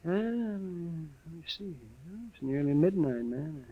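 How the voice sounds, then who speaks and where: An American actor playing a crusty, grumbling older town doctor in an old-time radio western. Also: male voice, a little high, expressive, slow pace, narrow, tinny audio. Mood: uneasy. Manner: querulous, grumbling, folksy.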